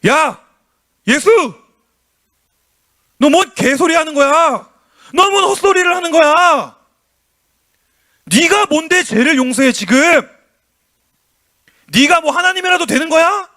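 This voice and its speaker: A man's voice: extremely high pitch, lively intonation, takes it slowly, long pauses, sharp tone, voice pushed up, heavily acted. A man voicing a hostile male religious scholar who jeers and scolds in an indignant, mocking way. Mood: scornful, shouting.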